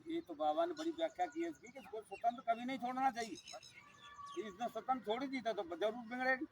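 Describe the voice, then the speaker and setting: Very high, gravelly man agreeing along. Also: fast talker, background noise. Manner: agreeing, finishes the other man's sentences. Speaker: satsang discussion participant. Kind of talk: casual devotional discussion.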